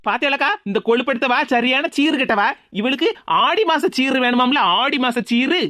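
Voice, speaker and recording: A woman's voice: high voice, fairly bright tone, no echo, studio quality. A woman voicing a sensible young daughter-in-law in a cartoon who gives persuasive advice. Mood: indignant. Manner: quick, persuasive, advising. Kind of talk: Tamil cartoon voice acting.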